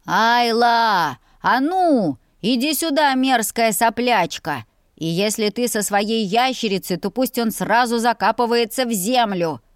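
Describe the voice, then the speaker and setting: A woman voicing rough, bullying older brothers in a storybook reading, hurling insults at full shout. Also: on the high side, expressive, measured pace, no echo, studio quality, pitched above the performer's own voice. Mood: yelling.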